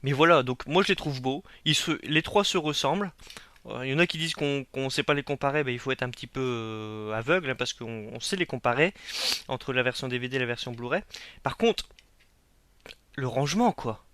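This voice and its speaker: A man's voice: medium pitch, a little fast, a bit bright. A young man from France giving a frank, critical unboxing review, repeating himself with many fillers and hesitations. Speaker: collector reviewing a limited edition.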